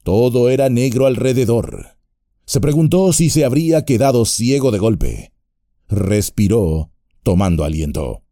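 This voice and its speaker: A man reading a fantasy audiobook in a measured way, with dramatic pauses. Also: medium pitch, expressive, mellow, no echo, studio quality. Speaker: audiobook narrator. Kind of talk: scripted narration.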